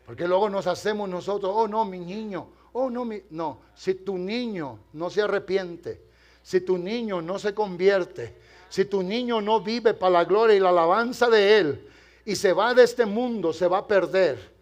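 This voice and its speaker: An older man, a pastor, preaching a sermon to a congregation, moving from quiet storytelling to loud, impassioned preaching and addressing the listeners directly. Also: high voice, moderate pace, dull audio. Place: church.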